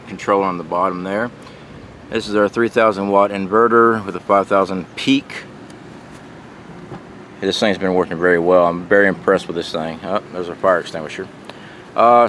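A middle-aged man narrating a casual handheld walkthrough in a plain-spoken, folksy way, talking to viewers as guys. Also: fairly low pitch. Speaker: vlogger giving a trailer tour. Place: outdoors around and inside a small trailer. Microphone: handheld camera or phone mic. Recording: noisy camera audio, outdoor and fan hum.

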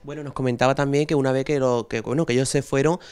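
Man, local news reporter, brisk questions, crisp clear voice. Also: mid-range voice, steady tone, darkish tone. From Spain. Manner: prompting, leading questions. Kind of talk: news interview.

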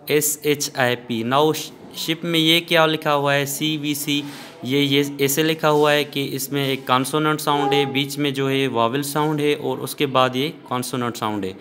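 Male teacher, patient classroom explainer, mid-pitched voice, goes over each point twice. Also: fairly bright tone. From Pakistan. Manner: mixes Hindi-Urdu with slow English phrases, repeats points. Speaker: school English teacher. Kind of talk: explaining a grammar lesson.

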